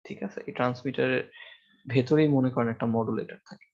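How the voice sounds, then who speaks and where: Using a microphone and amplifier in his classroom, a university lecturer moves through material step by step, questions his students, and often uses fillers. He speaks quickly in a steady, mid-range, slightly mellow voice, recorded with lo-fi sound.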